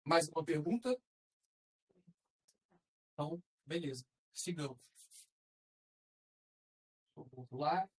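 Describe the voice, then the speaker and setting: A woman's voice: low voice, slow, long pauses, slightly rough, rough recording. A woman teaching a class, explaining patiently step by step and checking in with her students. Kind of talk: classroom lesson.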